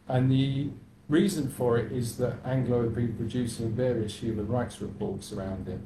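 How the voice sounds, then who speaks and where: A man giving a measured panel talk as a campaign speaker, pausing often with fillers. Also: lowish voice, dark tone. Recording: echoey room, faint noise.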